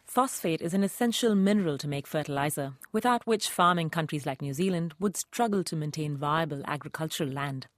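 A woman host reading a scripted radio documentary narration in a calm, clearly paced way. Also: low-pitched, brisk, hardly any pauses, dry recording, clean studio sound.

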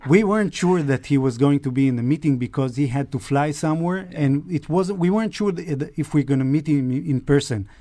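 Brief: male journalist, slightly raised pitch, halting recollection. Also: warm tone, dry recording. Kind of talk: casual interview recollection.

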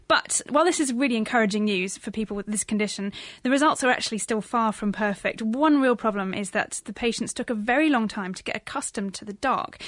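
A woman's voice: medium pitch, no room sound. A woman co-hosting a science show, explaining research news in an enthusiastic, semi-scripted presenting style.

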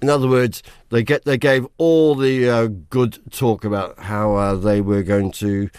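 A man's voice: medium pitch, a little slow, clean tone, dry recording, studio quality. A man in his sixties with a New Zealand accent, giving chatty business commentary on the radio and acting out quotes. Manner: animated, acts out quotes. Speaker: business reporter.

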